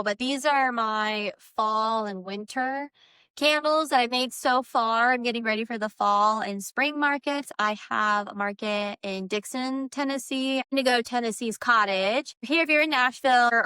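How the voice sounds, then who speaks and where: A woman with a bright, very clear voice, recorded close and dry. She chats informally like a vlogger showing off handmade goods, wandering from thought to thought in an earnest, new-age manner with plenty of filler words. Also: fairly high pitch, dry recording. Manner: informal, meandering, frequent "like" filler. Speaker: candle maker presenting own work. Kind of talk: casual rambling product vlog.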